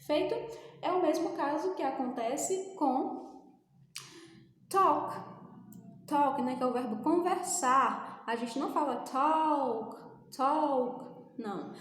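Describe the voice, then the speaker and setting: A woman's voice: sits high, a little slow, pauses often, a bit bright. A woman from Brazil with a Brazilian Portuguese accent, teaching English grammar in a recorded class, patient and explaining step by step while often checking in with the students. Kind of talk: recorded remote class lesson. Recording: echoey room, long reverb.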